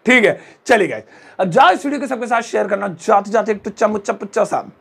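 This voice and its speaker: High-voiced, gravelly joking teacher man. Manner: joking, drawn-out example phrases, chatty asides. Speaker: English teacher. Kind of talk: playful Hindi English lesson.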